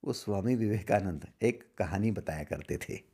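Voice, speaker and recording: A middle-aged man giving a spiritual discourse as a teacher, asking rhetorical questions and swinging between loud emphasis and hushed asides. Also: fairly low pitch, moderate pace, creaky, slightly rough.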